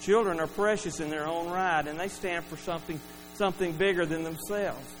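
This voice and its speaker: Male pastor, earnest sermon delivery, fairly high voice, long church reverb and low hum behind. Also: brisk. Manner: earnest, acts out quoted lines. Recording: reverberant hall with mains hum.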